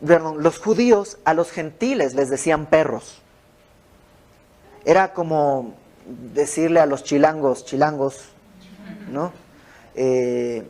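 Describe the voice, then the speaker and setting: A man's voice: fairly high pitch, a little mellow. A man teaching an informal Bible study in a home, explaining verse by verse with conversational asides. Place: a private home.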